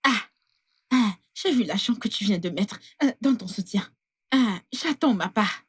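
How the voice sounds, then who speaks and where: A woman voicing a scheming pregnant young woman in a dubbed film, with a husky voice. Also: medium pitch, animated, a little slow, no echo, studio quality.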